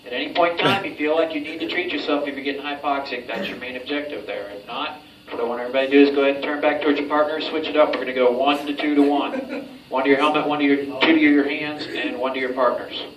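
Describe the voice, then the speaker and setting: A man's voice: a little high, steady tone, fast. A man working as a training instructor, giving a group drill instructions in a directive but informal way. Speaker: military-style hypoxia training instructor. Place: enclosed training chamber. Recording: roomy, distant mic, clear background noise.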